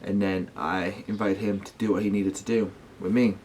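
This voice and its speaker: A man's voice: low-pitched, steady tone, moderate pace, darkish tone, a little hiss or hum. A man talking casually to his viewers as a paranormal vlogger, rambling and slangy, often correcting himself. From United Kingdom.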